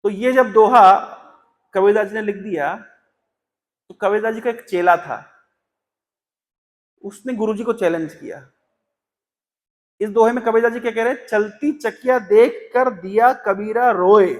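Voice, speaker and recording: A man giving a scripture class in Hindi, telling stories and slowly reciting couplets. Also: high voice, big-room sound. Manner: storytelling, quotes couplets slowly and deliberately. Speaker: Bhagavatam class speaker. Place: temple hall.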